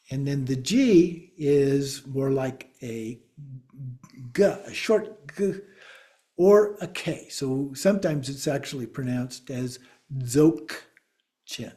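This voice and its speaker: A man's voice: mid-range voice, mellow. A man teaching a class on pronunciation, explaining step by step and checking in with his listeners. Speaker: Buddhist teacher.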